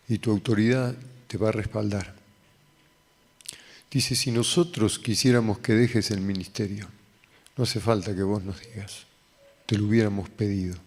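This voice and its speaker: A man's voice: fairly low pitch, a little mellow. A male pastor with an Argentine accent telling a personal testimony in a sermon, acting out the voices in his story. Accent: Argentine Spanish. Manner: storytelling, acting out dialogue with raised voice. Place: church hall. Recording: long hall reverb.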